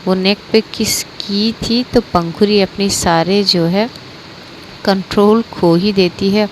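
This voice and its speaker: A woman's voice: medium pitch, fairly even intonation, slow pace, a little hiss or hum, low-quality recording. A woman narrating a romance story aloud in a loose, casual way, with many fillers and restarts.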